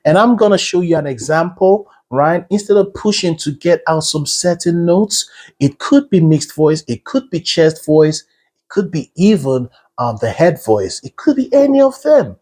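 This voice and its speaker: A man's voice: on the high side, lively intonation, measured pace, a little mellow. A man teaching a singing lesson as a vocal coach. He explains patiently and checks in with the listener. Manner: patient, checks in with "right?" and "okay?".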